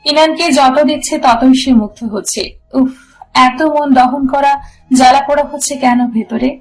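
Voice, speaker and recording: A woman narrating a romance audio story in a steady storytelling manner. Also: sits high, normal speed, soft background music, rough recording.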